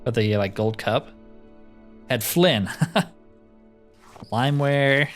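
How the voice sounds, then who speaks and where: Over game music, a man with a mid-range voice drawls out his words while narrating a roleplay playthrough. His commentary is casual, a stream of thinking aloud punctuated by dry jokes.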